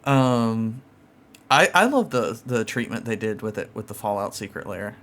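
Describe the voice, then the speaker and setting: A man's voice: on the low side, expressive, normal speed, fairly bright tone. A man hosting a podcast, chatting casually and rambling with lots of fillers and restarts. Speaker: podcast host. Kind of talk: casual chat about card games.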